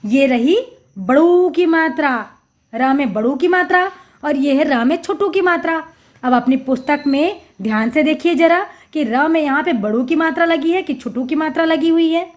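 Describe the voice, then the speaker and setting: A woman teaching a Hindi lesson to young children, sounding out syllables slowly and patiently, repeating each word with emphasis. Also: sits high, expressive. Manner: addresses children directly, patient explaining. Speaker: primary school Hindi teacher.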